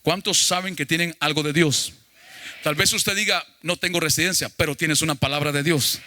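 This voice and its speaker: Forceful, higher-pitched male pastor preaching. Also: moderate pace, no echo, clean studio sound. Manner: emphatic preaching with questions to the congregation. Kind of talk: sermon.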